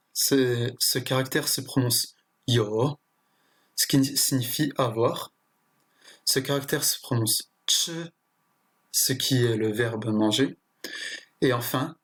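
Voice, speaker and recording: Male tutor, slightly breathy voice, talks through a lesson with hesitations and restarts. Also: mid-range voice. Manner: hesitant, with frequent fillers and restarts. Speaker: language teacher. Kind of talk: explanatory lesson.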